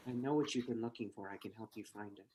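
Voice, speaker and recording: A man improvising a mysterious woman guide named Trinity, talking in a low, rambling murmur from behind a closed bathroom door, so his voice comes through muffled and distant. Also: quick pace. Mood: hushed. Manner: low, hushed, rambling with fillers. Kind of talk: improvised comedy sketch.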